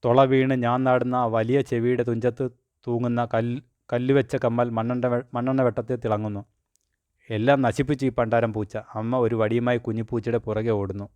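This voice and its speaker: A man narrating a children's storybook in a measured, plain storytelling manner. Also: medium pitch, little pitch movement, a little mellow, clear, resonant tone, dry recording.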